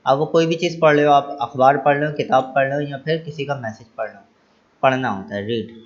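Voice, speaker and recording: A male teacher with a mid-pitched voice walks young pupils through English vocabulary. He spells each word out letter by letter, then repeats and translates it, often pausing to ask the class questions. The audio is dull and lo-fi, like a home-recorded online lesson. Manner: asks rhetorical questions to the class. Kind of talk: explaining English vocabulary to children.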